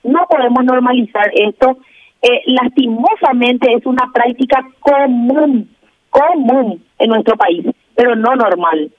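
A woman's voice: fairly high pitch, measured pace. Woman senator on a crackly phone line. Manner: formal, emphatic and firm. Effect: crackly, breaking-up phone line. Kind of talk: remote interview guest.

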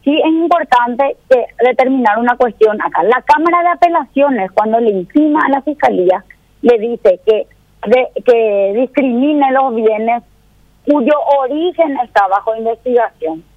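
A woman's voice: a little high, measured pace, no room sound, muffled recording. A woman lawyer being interviewed, explaining her case step by step and often checking in with tag questions. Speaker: defense lawyer, interview guest. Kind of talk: phone-in radio interview.

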